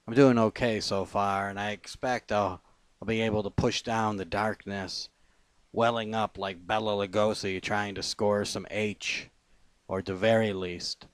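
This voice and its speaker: A poet with a fairly low voice performs a spoken-word poetry reading, phrasing deliberately with pauses between short lines. His voice is smooth, and the recording is dry with no echo and very little room around it.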